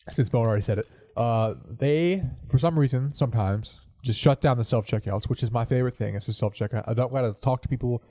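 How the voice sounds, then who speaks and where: With a stuffed-up voice from a cold, a man hosting a podcast tells an anecdote and chats casually in his living room corner home studio. His voice is mid-range and warm, a little fast, with clean studio sound and no echo.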